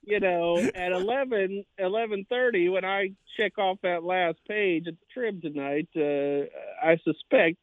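A man, a sports writer guest, talks high school and college football in a rambling way, full of fillers and restarts. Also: a little slow, few pauses, dry recording. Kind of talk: casual sports talk. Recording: tinny phone line.

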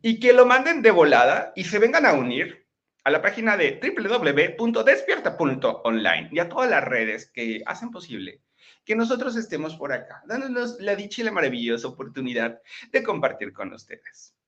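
A man's voice: high-pitched, sing-song, moderate pace, a bit bright, muffled recording. A man giving a chatty live-streamed motivational talk, often checking in with his listeners. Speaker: motivational speaker. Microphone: laptop microphone.

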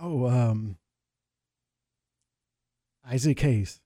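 Male radio co-host, mellow tone, medium pitch, casual chat, dry studio sound. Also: extremely slow, no room sound.

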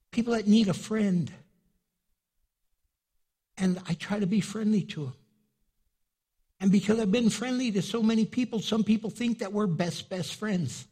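A male pastor whose first language was Spanish preaches a sermon in storytelling fashion, his voice carrying a breathy edge as it jumps into loud, high bursts.

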